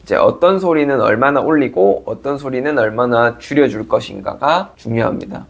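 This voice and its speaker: Male audiologist, mid-pitched, calm polite explainer, video lesson. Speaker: audiologist and hearing center director.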